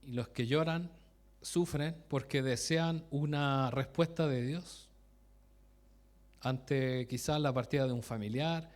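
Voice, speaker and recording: A man preaches slowly in a medium-pitched voice, keeping his sermon conversational. He asks the congregation direct questions, often breaks off mid-sentence, and laughs at the stories he shares.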